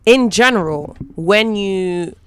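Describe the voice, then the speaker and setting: A woman hosting a casual interview show, playful and quick to laugh. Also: mid-range voice, clean tone, dry recording. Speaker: talk show host.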